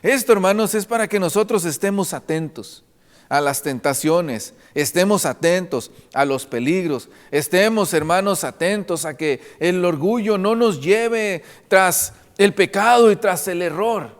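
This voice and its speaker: Male preacher, high-pitched, earnest sermon delivery, long church reverb. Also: measured pace. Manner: earnest preaching, repeatedly addressing the congregation as brothers.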